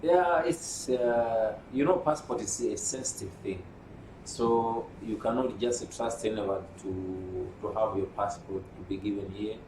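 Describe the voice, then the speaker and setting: A man from Malawi answers interview questions in a measured, explanatory way, pausing often. His voice sits low. He is heard from a distance in an echoey room with clear background noise. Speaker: union secretary general. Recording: roomy, distant mic with noise.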